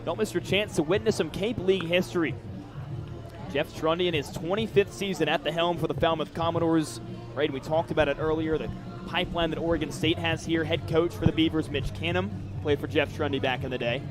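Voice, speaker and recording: A young American man calls a baseball game live on the radio from an outdoor stadium, his fairly high voice fairly even in intonation and a little fast. Crowd noise and ballpark ambience surround him, with music in the background too.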